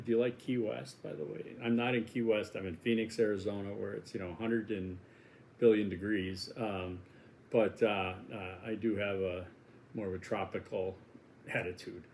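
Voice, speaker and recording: A Milwaukee man in his sixties with a Wisconsin accent, a college instructor, chats casually in a course welcome video, rambling and making jokes at his own expense. His medium-pitched voice is a little mellow, with slight background noise.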